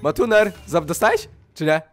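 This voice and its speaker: A young man hosting gameplay commentary, excitable and loud, laughing a lot and yelping at surprises. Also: on the high side, moderate pace, faint music behind. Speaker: gaming channel host.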